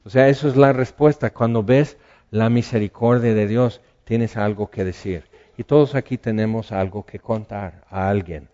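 Mellow man preaching. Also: mid-range voice, dull audio. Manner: conversational, asks the listeners questions. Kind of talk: sermon.

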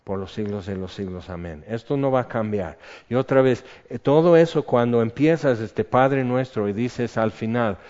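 A man's voice: medium pitch, normal speed, darkish tone. A man preaching a sermon as a pastor, talking in a conversational way and putting questions to his congregation. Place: church hall. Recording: muffled sound in a reverberant hall.

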